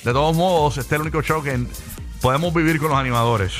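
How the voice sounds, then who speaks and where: Puerto rican radio guy, quick talker, bright voice, repeats himself for emphasis. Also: fairly high pitch, faint music behind. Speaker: radio show host. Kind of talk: lively radio banter.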